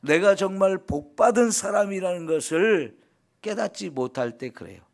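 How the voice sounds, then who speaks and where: A man's voice: sits high, expressive, moderate pace, vocal fry. A man preaching an early morning sermon as pastor, earnest and encouraging, often affirming with a short "yes.".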